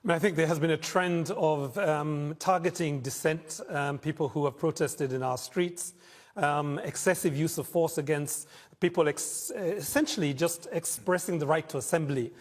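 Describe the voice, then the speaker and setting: A man from Kenya speaking as a human rights panelist, measured and full of fillers. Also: a little high, big-room sound. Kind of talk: panel discussion.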